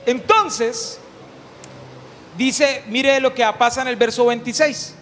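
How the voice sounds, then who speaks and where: A man delivers a lively, humorous sermon, asking his listeners questions as he goes. His voice is very high, and a long hall reverb trails after every phrase. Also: slow, slight background noise. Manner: animated, humorous, questions the congregation. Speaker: preacher.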